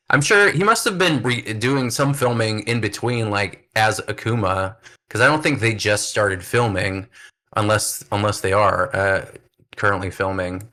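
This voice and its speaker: A man's voice: fairly low pitch, sharp tone. A man hosting a wrestling podcast, chatting casually in an upbeat, filler-heavy way. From United States. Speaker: podcast host. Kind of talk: casual chat.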